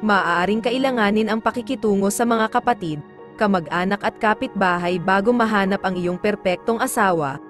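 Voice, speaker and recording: A woman narrating daily horoscopes in a measured, formal reading style. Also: mid-range voice. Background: faint background music.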